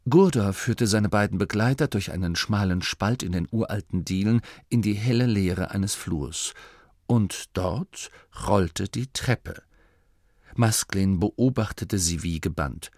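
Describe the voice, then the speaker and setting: A man narrating an audiobook in calm, scripted storytelling. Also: lowish voice, measured pace, no room sound, clean studio sound.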